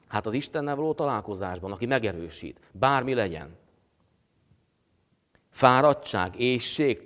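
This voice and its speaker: A man preaching a sermon as pastor, with a halting delivery full of pauses and fillers. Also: medium pitch, big-room sound. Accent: Hungarian.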